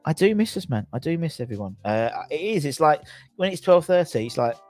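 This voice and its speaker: A man's voice: a little high, animated, brisk, a little mellow. Chatty southern English man with music behind. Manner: chatty, rambling, jokey, repeats himself. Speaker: host of a football fan channel livestream. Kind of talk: casual livestream chat to viewers.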